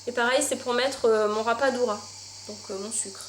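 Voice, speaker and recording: A woman's voice: a little high, fairly even intonation, normal speed. A woman chatting casually in a haul vlog, gushing over her purchases, filled with fillers, recorded at home with windows open. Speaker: vlogger showing her shopping haul. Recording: roomy home room, faint insect noise. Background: insects outside.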